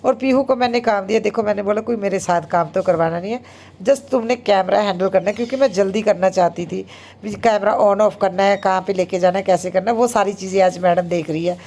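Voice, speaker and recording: A woman in her thirties, a homemaker vlogger, chatting casually and very fast with many fillers. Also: mid-range voice, a little mellow. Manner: talks very fast. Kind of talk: casual vlog narration.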